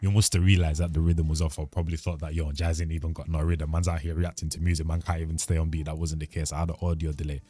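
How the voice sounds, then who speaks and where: Here the young vlogger has a mellow bass voice and a flat delivery, rattling along quickly with hardly a pause. He addresses his channel casually in slang, relaxed and rambling, recorded through a desk studio mic at home.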